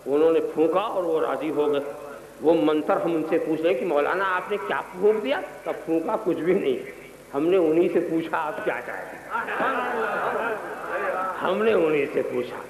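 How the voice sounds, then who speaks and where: A man preaching a sermon, telling humorous anecdotes and building to impassioned, shouted exhortations. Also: a little high, long pauses, roomy sound, a crowd in the background, rough recording. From Gujarat, India. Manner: storytelling, rising to impassioned shouts.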